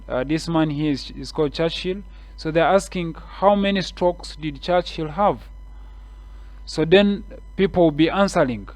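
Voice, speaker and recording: This is a man with a Kenyan English accent and a mid-range voice. He leads a screen-share tutorial step by step, with easygoing, repeated explanations full of fillers.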